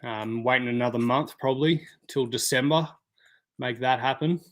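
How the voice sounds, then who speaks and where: A man's voice: medium pitch, moderate pace, a bit bright. A man hosting a casual live stream, chatting and answering viewer comments by name. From Australia.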